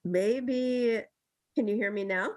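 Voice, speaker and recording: A woman council member speaking in a meeting over a video call whose connection keeps breaking up, candid and halting. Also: a little high. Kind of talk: meeting discussion.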